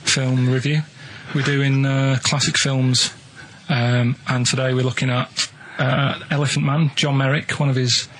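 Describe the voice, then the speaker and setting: An English radio co-host tells odd stories in a studio, rambling earnestly and matter-of-factly in colloquial speech. His mid-range voice is level, measured, and fairly bright, though the recording quality is low.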